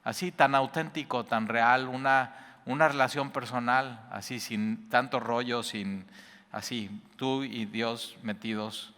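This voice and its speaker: A man with a Mexican accent preaching a conversational sermon, casual and animated, acting out quoted reactions in colloquial asides. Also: medium pitch, slow pace, long reverb tail. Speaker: pastor.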